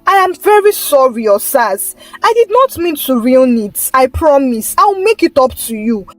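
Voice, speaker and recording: A woman's voice: high voice, big pitch swings, normal speed, no echo, soft background music. A woman voicing a pleading young wife. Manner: pleading, earnest.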